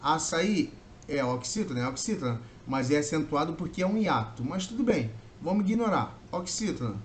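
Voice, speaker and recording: A man from Brazil teaching an exam-prep grammar lesson, explaining step by step and drawing out key words slowly. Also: a little high, expressive. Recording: faint background noise.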